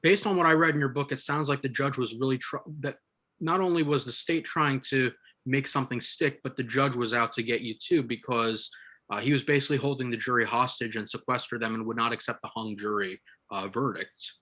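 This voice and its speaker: A man's voice: medium pitch, a little fast, pushed and bright. A man asking questions as an interviewer in a conversational style.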